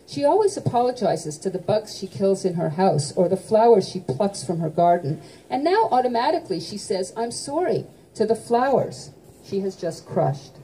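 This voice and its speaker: A woman author giving a lively, expressive reading from her own novel at a bookshop event. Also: medium pitch, moderate pace, slightly rough, poor audio. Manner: lively, sings out musical notes.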